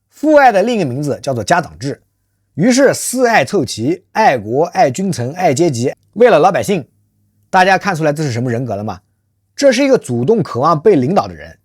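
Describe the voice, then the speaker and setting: A channel host delivers a scripted monologue of social commentary, rhetorical and emphatic, often throwing questions at the audience and calling himself by a nickname in the third person. The voice sits at medium pitch, slightly mellow with a breathy edge. The studio-quality recording has no room sound.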